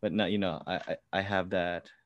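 A man's voice: sits low, fairly even intonation, moderate pace, lo-fi sound. A man who grew up in California and is a songwriter, giving casual interview answers with many fillers and restarts. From born in the Philippines, grew up in California. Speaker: musician, songwriter.

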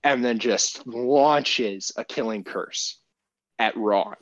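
A man's voice: mid-range voice, takes it slowly, no room sound, lo-fi sound. A man co-hosting a casual podcast, retelling a story in a profane, rambling way with many restarts. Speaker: podcast co-host.

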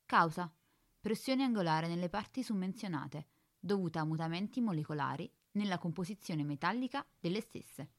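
A woman voicing a calm, precise spaceship computer in a radio drama, speaking in a flat, formal, bureaucratic way. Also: lowish voice, normal speed.

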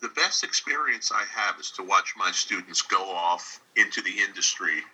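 Guesting on a video-call interview, a New York radio drama director and instructor speaks at normal speed in a deep, animated, bright and forceful voice with a breathy edge. His manner is plain-spoken, conversational and encouraging. The recording is rough.

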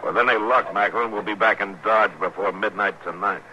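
An actor playing a stern, dry frontier marshal who speaks curtly and with authority in a 1950s radio western. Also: male voice, fairly low pitch, fairly quick, pushed and bright. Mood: dry, firm. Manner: curt, authoritative. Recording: noisy old 1950s radio recording.

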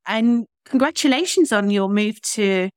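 A woman's voice: mid-range voice, expressive, unhurried, clean tone, no room sound, studio quality. A woman hosting an interview podcast, chatty and encouraging toward her guest. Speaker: podcast host.

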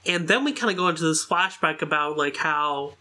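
Bright, high-voiced man recapping casually. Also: fairly quick. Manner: loose, filler-heavy recap with lots of "like" and "uh". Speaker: podcast panelist. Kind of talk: casual chat recapping an episode.

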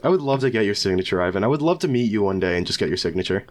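A man's voice: lowish voice, expressive, very fast. A young man chatting casually as a podcast co-host, with crude, teasing, swear-heavy frat-bro slang. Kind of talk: casual chat.

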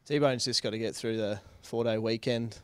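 A man's voice: mid-range voice, steady tone, normal speed, smooth, no room sound. An Australian man chatting casually as a podcast panellist. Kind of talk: casual chat.

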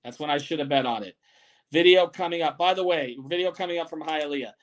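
A man's voice: a little high, fast. Blunt, emphatic man hosting a sports podcast. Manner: blunt, profane and emphatic, reading viewer comments. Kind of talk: live-streamed sports podcast chat.

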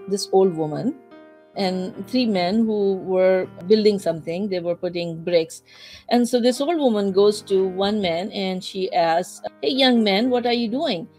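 A woman's voice: medium pitch, darkish tone. Woman hosting a weekly online talk. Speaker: host.

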